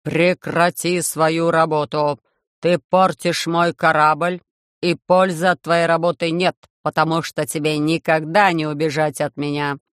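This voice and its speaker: A reader voicing a loud, harsh metallic robot ruler who speaks in slow, measured commands in an audiobook. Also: medium pitch, little pitch movement, clean tone, dry recording, clean studio sound, natural voice. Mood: cold commanding. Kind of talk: audiobook reading.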